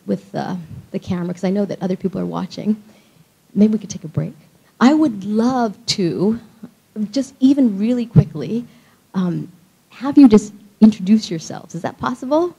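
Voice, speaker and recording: A woman's voice: medium pitch, mellow, husky. A woman delivering a conference keynote speech with a handheld microphone in a large hall, telling a story earnestly. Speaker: keynote speaker.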